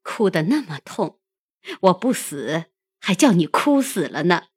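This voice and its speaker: A woman voicing a proud, sharp-tongued young noblewoman who is ailing and bitter, by turns scolding and wearily mocking. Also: fairly low pitch, very animated, a little slow, breathy edge, dry recording, full character voice. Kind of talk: audiobook character reading.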